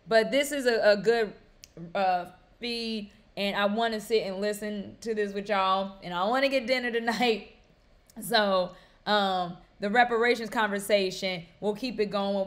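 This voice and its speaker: A middle-aged woman hosting a casual news livestream, chatty and laughing, rising into loud excited rants. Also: mid-range voice. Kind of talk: casual live-stream commentary.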